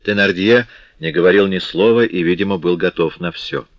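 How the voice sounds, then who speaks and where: A man with a very deep voice reads a classic novel aloud in a measured, dramatic way. The sound is dry and close, with a dull, lo-fi tone. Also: no echo. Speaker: audiobook narrator. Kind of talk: scripted audiobook narration. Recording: dull dry lo-fi audiobook recording.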